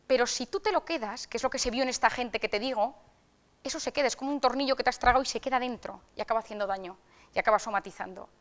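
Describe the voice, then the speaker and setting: Fast-talking woman, high and animated. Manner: animated storytelling, acts out quoted voices. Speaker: psychiatrist speaker. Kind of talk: conversational talk answering audience questions.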